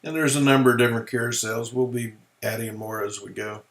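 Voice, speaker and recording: A man presenting a software tutorial, explaining features in a relaxed, folksy way as he clicks through them. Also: medium pitch, fairly quick. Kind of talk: screen-recorded software walkthrough.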